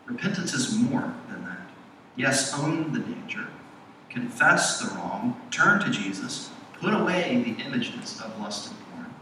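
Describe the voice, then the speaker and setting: A man preaching a sermon in measured, emphatic phrases with dramatic pauses. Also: medium pitch, big pitch swings. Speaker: pastor. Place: large echoing church sanctuary. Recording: echoey hall, distant mic, background noise.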